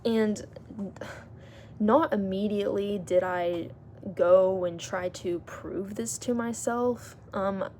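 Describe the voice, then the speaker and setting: A woman's voice: mid-range voice, steady tone, slow pace, a little mellow, a little hiss or hum. A woman talking to her vlog audience in an earnest, reflective, rambling way. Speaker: vlogger. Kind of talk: casual vlog monologue.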